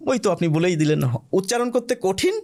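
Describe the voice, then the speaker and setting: A man talks as a guest on a podcast, and he explains patiently and step by step. His pitch rises and falls a great deal, and his voice sits a little high for a man. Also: animated, a little fast, a little mellow. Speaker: guest expert on language. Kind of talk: explanatory conversational interview.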